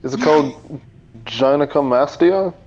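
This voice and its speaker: A man's voice: a little high, unhurried, a little mellow. A man co-hosting a casual podcast, talking in a sarcastic, joking way. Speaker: podcast co-host. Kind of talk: casual chat. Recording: dull lo-fi sound.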